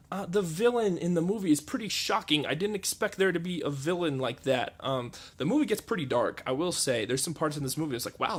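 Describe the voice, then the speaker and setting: Young male film reviewer, twenties, dry jokey sarcasm, slightly high voice. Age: 20s. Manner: sarcastic, joking. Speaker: movie reviewer. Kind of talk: comedic movie review.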